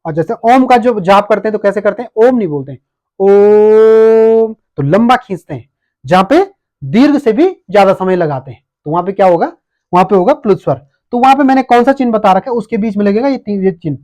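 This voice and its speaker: A man's voice: high voice, lively intonation, fast talker, darkish tone. A man with an Uttarakhand Hindi accent teaches an exam-prep lesson and keeps answering his own questions.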